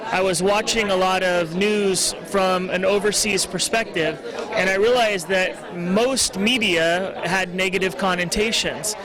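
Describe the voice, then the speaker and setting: A man's voice: sits high, rough recording. A man earnestly explaining things as a guest in a casual interview. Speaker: interview guest, show founder. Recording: event crowd noise behind.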